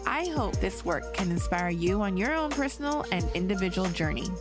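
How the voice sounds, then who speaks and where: A woman's voice: mid-range voice, very animated, brisk, over music. A woman hosting a podcast, enthusiastic and welcoming as she introduces her guest. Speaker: podcast host. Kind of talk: scripted intro then casual interview.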